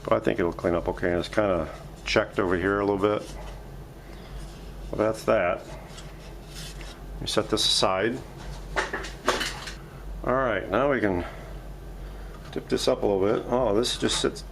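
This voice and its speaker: In a home workshop video, a vintage radio restorer mutters his thoughts while working, giving relaxed step-by-step narration. His voice is fairly low with vocal fry, and there is a little hiss or hum in the recording.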